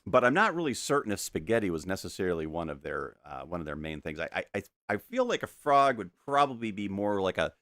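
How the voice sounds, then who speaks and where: A man's voice: sits low, sing-song, fast talker, hardly any pauses, fairly bright tone, no room sound. A middle-aged man chatting casually while painting on a live stream, rambling and restarting his sentences, at a desk microphone in a home studio. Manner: rambling and self-interrupting, with frequent stammered restarts and chuckles.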